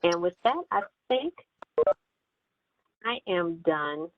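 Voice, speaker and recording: A woman agency director presenting resources in a virtual meeting, steady and measured with frequent ums. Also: lowish voice, slight background noise. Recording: tinny phone-line audio, dry.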